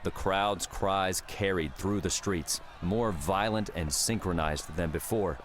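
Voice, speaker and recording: Faint noise sits behind a man as he slowly narrates a story in a low-pitched voice. The reading is a scripted, dramatic audiobook.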